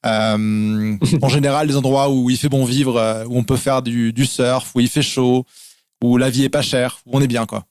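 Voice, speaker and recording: A man's voice: mid-range voice, steady tone, moderate pace, darkish tone, clear, resonant tone, no room sound, studio quality. A man from France, a guest in a casual interview, explaining things in lists with lots of fillers. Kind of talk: casual interview over a call.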